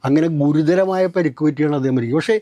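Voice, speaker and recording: A man with a slightly high voice lays out political analysis in long, measured explanations. The sound is dry and close, with no echo. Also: mellow, muffled recording. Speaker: host of political discussion.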